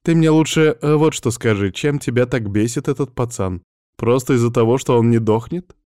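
Man voicing a mocking possessed young woman, teasing, a bit raised pitch, dry sound. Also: normal speed, mellow, no room sound, natural voice. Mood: taunting. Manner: sly, taunting.

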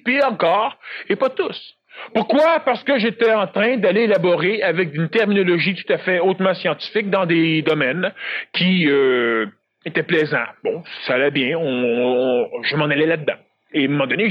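A high-pitched man with a Québécois French accent delivers a public lecture, speaking emphatically, repeating himself, and throwing rhetorical questions at the audience. The recording is dull, lo-fi, and dry, with no echo.

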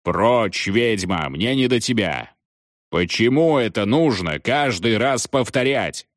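A gruff, exasperated ghost ship captain with one eye, as a man acts him out in a storybook. His voice sits low and swings widely, dry and close to the mic. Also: animated, slow, dry recording.

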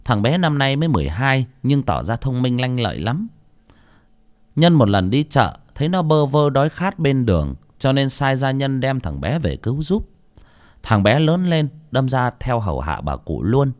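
A man narrating an audiobook story in an expressive, dramatic reading style. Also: moderate pace. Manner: expressive, dramatic reading with wide pitch swings.

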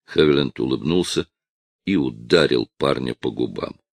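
Male audiobook narrator, very low and gravelly voice, dry close recording. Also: animated, moderate pace, no echo. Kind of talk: scripted narration.

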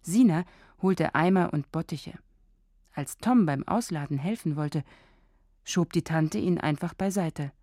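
A woman narrating a scripted radio drama for children in a calm, measured storytelling manner. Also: low-pitched, dry recording, studio quality.

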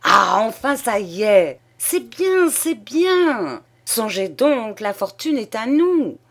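Boisterous middle-aged father, read by a woman, high and loud, all exclamations, for an audiobook. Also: sing-song, a little slow. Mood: overjoyed. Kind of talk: audiobook character voice.

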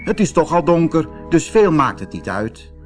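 Bossy lil water rat in a kids storybook, brisk and pushy but kind, lively voice, guy voicing it. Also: a little high, soft background music, voice pushed up. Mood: urging. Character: brave, bossy male water rat, a caring friend.

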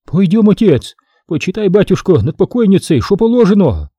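A man's voice: big pitch swings, moderate pace, mellow, husky, dry recording, studio quality, full character voice. Man putting on a mumbling toothless old peasant woman. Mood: lamenting. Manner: lamenting, then shrill and threatening.

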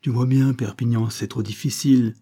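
A man's voice: medium pitch, fairly even intonation, moderate pace, mellow, husky. A man voicing a worried, pleading woman. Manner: pleading, cautious.

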